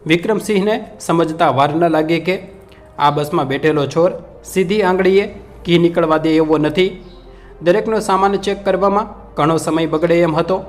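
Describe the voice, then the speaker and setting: A man narrating an emotional story in a dramatic scripted telling. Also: a little high. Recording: narration over soft background music.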